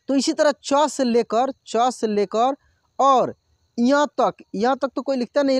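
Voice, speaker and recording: A man's voice: very high voice, dry recording. A man teaching a Hindi lesson, patiently repeating each syllable and talking to viewers as friends. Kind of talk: online lesson, drilling syllables.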